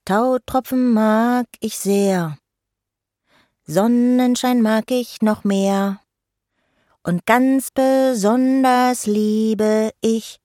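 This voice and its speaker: A cheeky little fairy girl with a high, bubbly voice, put on by a woman reading a storybook aloud. She sounds lively and a bit louder than the narration. The recording is dry and close. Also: quick pace, few pauses, dry recording, close to an everyday voice. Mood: singsong.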